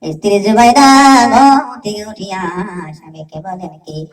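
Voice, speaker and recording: A man's voice: very high-pitched, lively intonation, a little slow. A young man from Bangladesh preaching a sung storytelling sermon, in a sing-song cadence with phrases falling away at their ends. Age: young adult. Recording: echoey hall, distant mic, faint music.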